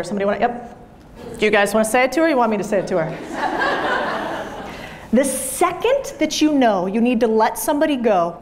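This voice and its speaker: A woman in her thirties with a highish voice gives a blunt, emphatic motivational talk to a live audience in an event room, swearing freely. She is a business speaker, and there's slight background noise.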